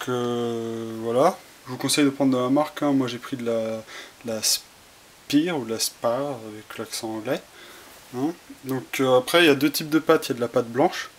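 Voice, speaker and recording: A man of ordinary pitch walks through a repair in a casual how-to demonstration, his speech full of fillers and restarts as he works with his hands. He is recorded on a camera mic at home, with a faint hiss running underneath. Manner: hesitant, many fillers and restarts while working with his hands. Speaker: tutorial presenter.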